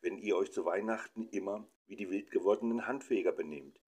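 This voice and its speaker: A man's voice: deep voice, brisk, darkish tone. A man voicing a mother who coaxes and instructs her children in a soothing tone. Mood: coaxing. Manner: soothing, coaxing. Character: coaxing, teacherly mother.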